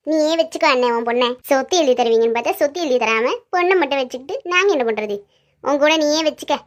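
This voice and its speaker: A woman's voice: high-pitched, fast, close to an everyday voice. A woman voicing a mocking, greedy middle-aged mother-in-law in a cartoon. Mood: scornful. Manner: mocking, contemptuous. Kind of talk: cartoon voice acting. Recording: dull muffled audio.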